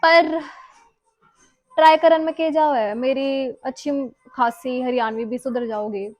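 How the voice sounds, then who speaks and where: Young woman, Haryanvi-tinged accent, high-pitched, casual vlog chat, self-mocking, dry close sound. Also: fairly even intonation, takes it slowly, dry recording, faint music behind, rough recording. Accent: Haryanvi-tinged Hindi. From Haryana, India. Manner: chatty, self-mocking, mixes in English phrases. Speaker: vlogger. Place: home kitchen and city streets.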